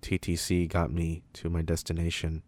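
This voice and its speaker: A man's voice: sits low, completely flat delivery, normal speed, a little mellow, dry recording. A young Canadian man hosting a casual podcast, chatting in a joking, crude way and swearing freely. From Toronto, Canada. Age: young adult. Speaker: podcast host.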